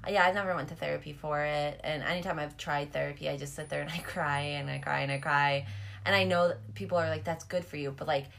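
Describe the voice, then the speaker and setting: A woman with vocal fry and a lisp, chatting casually and candidly, in a self-deprecating way. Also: deep voice, fairly even intonation, fast, fairly bright tone, slight background noise. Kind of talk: casual chat.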